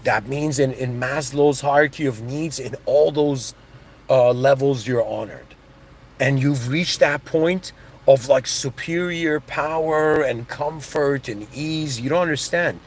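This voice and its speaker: There's slight background noise as a motivational speaker, Iranian-born and Canadian-raised, talks a little slowly in a medium-pitched voice. His casual talk rambles, full of restarts, asides and "you know what I mean."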